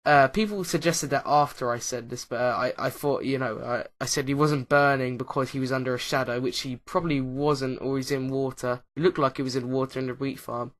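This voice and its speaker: Commentating casually over Minecraft gameplay, a male YouTuber speaks a little fast with few pauses and fairly even intonation in a mid-range voice. He's hesitant, full of uh and um, and often loses track partway through sentences.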